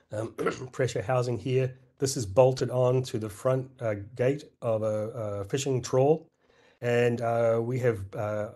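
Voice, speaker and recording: Hoarse and clearing his throat, a middle-aged man presents at a scientific conference with frequent fillers and restarts. His voice is lowish and mellow.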